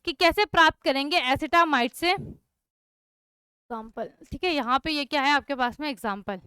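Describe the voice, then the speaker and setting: Young female chemistry teacher, crisp bright tone, dry close sound, keeps asking if it's clear. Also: high-pitched, moderate pace, dry recording. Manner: repeats checks like "clear?" and "okay" to students. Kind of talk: online class lecture.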